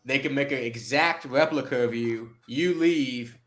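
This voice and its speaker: A young man on a livestream panel, speaking in a relaxed, slangy way. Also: medium pitch, unhurried. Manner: relaxed, slangy, enthusiastic recommending. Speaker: panel guest. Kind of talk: casual chat. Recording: roomy echo.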